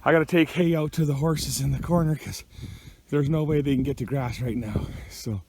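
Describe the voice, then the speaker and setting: A man working as a rancher, out of breath and huffing as he talks plainly while trudging through deep snow outdoors. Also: normal speed, noisy background. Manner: plainspoken, huffing between phrases. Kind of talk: casual vlog narration.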